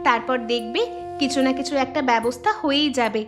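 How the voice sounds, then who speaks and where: Lady doing an earnest young daughter in a cartoon, high and reassuring. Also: brisk, music in the background, natural voice. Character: caring young woman, elder daughter. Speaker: cartoon voice actor. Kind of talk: cartoon dubbing.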